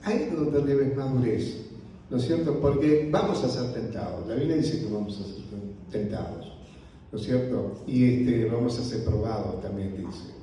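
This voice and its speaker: A male pastor with a Rioplatense Spanish accent teaching on leadership in a church, speaking softly and slowly, often ending phrases with a questioning "right?". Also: mid-range voice, a little hiss or hum. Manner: slow, unhurried delivery with frequent "¿no?" tags; softly spoken. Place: church hall. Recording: roomy hall audio from a distance.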